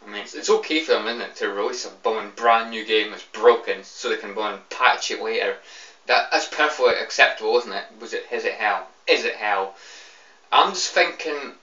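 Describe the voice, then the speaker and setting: Young British male, tipsy and fed up, ranting casually with repeats and swearing; sharp tone, dull roomy recording. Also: fairly low pitch, a little fast. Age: young adult. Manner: annoyed, repetitive, rambling, swearing. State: tipsy, drunk. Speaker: video game fan giving opinions. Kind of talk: casual off-the-cuff rant to camera. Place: small room indoors. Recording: roomy, distant, slightly dull webcam sound.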